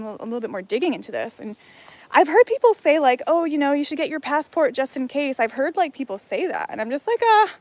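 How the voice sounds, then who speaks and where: Walking outdoors through the jungle, a Hawaiian woman with a higher-pitched voice chats casually on a livestream. She reads messages from her chat out loud and wanders from thought to thought, with lots of fillers and false starts.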